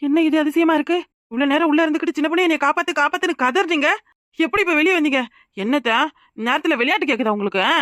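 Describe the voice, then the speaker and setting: Fast-talking Kanyakumari young wife. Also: female voice, sits high, fairly bright tone, no room sound, studio quality. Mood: urgent. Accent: Kanyakumari Tamil. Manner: rapid, insistent, pleading. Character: frightened young village wife. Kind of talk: cartoon voice acting.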